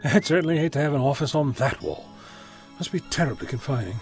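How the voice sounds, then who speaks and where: In an audio drama, a man plays an eccentric genius time traveller who talks fast, breezy and wordy, with wry humour and a gently lecturing manner. His pitch is very lively, and faint music plays behind him.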